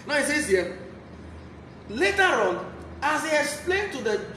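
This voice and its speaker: A Nigerian-accented preacher teaches from the Bible a little slowly, his very high voice pushed and bright with big swings in pitch. He stresses his message by repeating key phrases emphatically. Echo and clear background noise are heard in the room.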